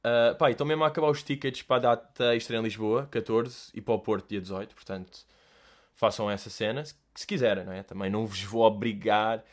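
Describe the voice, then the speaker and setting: Hosting solo, a young European Portuguese–accented man fields listener questions casually, joking animatedly and peppering his speech with slang and curses. He speaks fast in a lowish voice.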